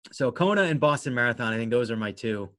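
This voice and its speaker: A man's voice: mid-range voice, a bit bright, no room sound. A man answering interview questions casually as a guest, in a rambling, self-deprecating way. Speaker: interview guest, amateur runner and race organizer.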